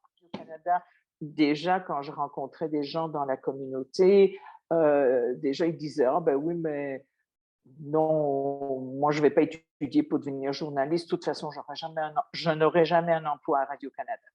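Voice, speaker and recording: An older Belgian woman with a Belgian French accent, a former radio worker, reflects thoughtfully in an interview, often restarting her phrases. Her low, warm voice is steady at normal speed, though the recording is muffled.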